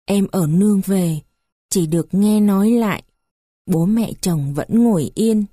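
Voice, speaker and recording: A woman reading a story aloud in a slow, measured narration. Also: mid-range voice, dark tone, breathy edge, no room sound, clean studio sound.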